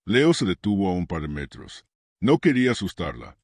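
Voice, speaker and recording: A man narrating a scripted story in a measured way with dramatic pauses. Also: low voice, very animated, dry recording, studio quality.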